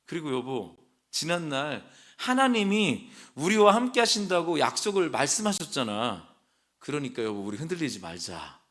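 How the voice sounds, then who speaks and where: A man's voice: fairly high pitch, sing-song, moderate pace, a bit bright. A man playing a tender husband patriarch. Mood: gentle reassurance. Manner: tender, pleading reassurance. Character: devoted husband patriarch comforting his wife.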